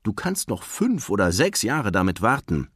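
A man's voice: on the low side, very animated, moderate pace, fairly bright tone, breathy edge, dry recording, clean studio sound, exaggerated voice. Marlin, a man doing a fretful father clownfish. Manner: worried, fretful. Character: anxious father clownfish, fussy and overprotective. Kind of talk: storybook reading.

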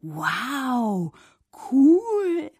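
A woman doing Fabius, a squeaky scared little fish. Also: very animated, measured pace, husky, no room sound, studio quality, heavily acted. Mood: curious. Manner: squeaky, panicky yelps. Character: small anxious fish boy, jittery and easily scared. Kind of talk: storybook reading.

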